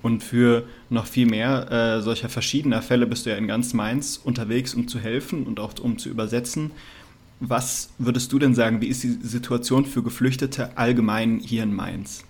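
Male podcast host, earnest, mid-pitched, noticeably gravelly. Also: steady tone, moderate pace, darkish tone. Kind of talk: scripted intro then interview.

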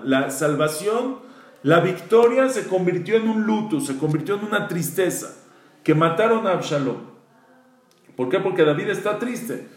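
A man who is a rabbi, telling a Torah story in a sermon and quoting Hebrew verses with animated emphasis. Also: fairly high pitch. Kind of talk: Torah lecture. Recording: echoey room, mic at a distance.

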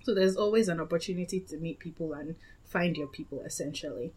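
Chatty young Nigerian woman, lowish voice. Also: fast talker, a little mellow, slightly rough. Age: young adult. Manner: chatty, meandering, with frequent self-corrections. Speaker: guest. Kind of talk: casual chat.

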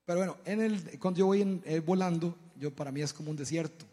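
A man speaks to a congregation in a sermon-style testimony, telling his stories with animation. He often stumbles and repeats words as he goes. His fairly high voice rings out with a long hall reverb. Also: quick pace, warm tone. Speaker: church speaker.

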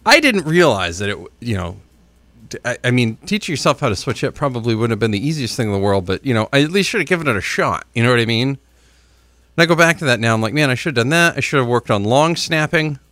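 A man's voice: mid-range voice, sing-song, fast talker, fairly bright tone, no room sound. A middle-aged man hosting a sports radio show with casual morning banter in a studio. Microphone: close studio microphone.

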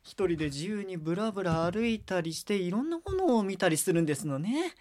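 A woman's voice: mid-range voice, very animated, fairly quick, a little mellow. A woman chatting in a group, putting on an exaggerated posh ladylike way of speaking for fun. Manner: mock-posh ladylike speech, playful. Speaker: chat participant. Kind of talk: casual group chat.

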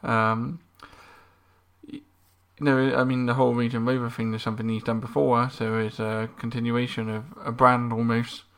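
Even-toned, creaky-voiced male podcast co-host. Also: mid-range voice, moderate pace. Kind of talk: casual podcast discussion.

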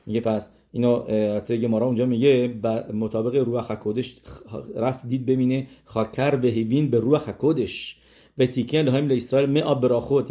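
Male religious teacher, middle-pitched and mellow; asks and answers his own questions, hesitates while thinking, climbs high and loud for emphasis. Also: dull audio. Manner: asks the listeners rhetorical questions and answers them; thinks aloud with hesitations and restarts. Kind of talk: religious lesson on scripture and numerology.

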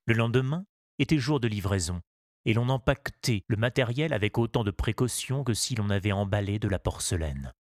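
A man narrating a children's story in a measured, expressive reading. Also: on the low side, dry recording, clean studio sound.

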